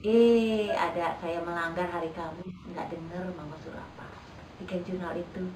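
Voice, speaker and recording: A woman's voice: lowish voice, steady tone, normal speed, darkish tone, far from the mic, slight background noise. A woman leading a children's Sunday school lesson, patient and coaxing, often checking that the kids follow along. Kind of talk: children's lesson over video. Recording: echoey room, voice a bit off-mic.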